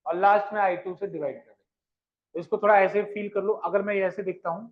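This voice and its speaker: A man's voice: sits high, fairly even intonation, a little fast. A male physics teacher lecturing a live class, asking questions, repeating them, and coaxing his students along as children. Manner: addresses students fondly as children. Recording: dull lo-fi sound.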